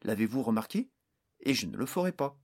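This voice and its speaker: A young human hero talks back to a powerful enemy with calm, slightly mocking confidence, as a male audiobook reader plays him. The voice is husky and even, never rattled. He sounds certain he cannot lose. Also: medium pitch, brisk.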